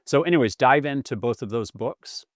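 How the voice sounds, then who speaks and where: A man's voice: mid-range voice, lively intonation, normal speed, no echo, clean studio sound. A man in his fifties, hosting a casual podcast interview in an enthusiastic, effusive way. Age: 50s. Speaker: podcast host.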